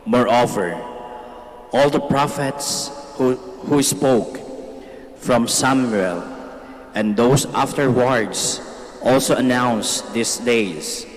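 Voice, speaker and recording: A man reading scripture and psalms as a lector, solemn and measured, in a large church with cathedral echo. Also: mid-range voice. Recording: cathedral echo, long reverberation.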